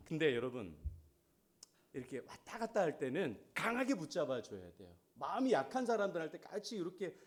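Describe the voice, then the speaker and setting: A middle-aged male pastor preaching a sermon, asking the congregation questions and swinging between loud exhortation and quiet asides. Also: on the high side.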